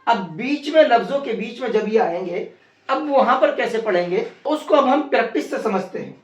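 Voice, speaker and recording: A Quran recitation teacher giving a slow, step-by-step tajweed lesson, spelling out letters and vowel marks one by one and then repeating the joined word, with frequent rhetorical questions. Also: mid-range voice, expressive. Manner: patient, repetitive explaining with frequent rhetorical questions. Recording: roomy, distant and dull-sounding.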